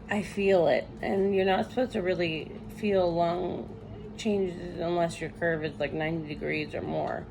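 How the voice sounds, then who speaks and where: A woman recovering from surgery, sounding weak and tired, chatting casually and haltingly from a hospital room. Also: mid-range voice, creaky, a little mellow, slight background noise, low-quality recording. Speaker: patient vlogger recovering from surgery. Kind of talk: casual chat to camera.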